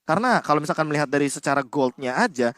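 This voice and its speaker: A man's voice: on the high side, lively intonation, racing, a bit bright, a little hiss or hum. A man with an Indonesian accent giving emphatic, explanatory esports analysis as a co-commentator.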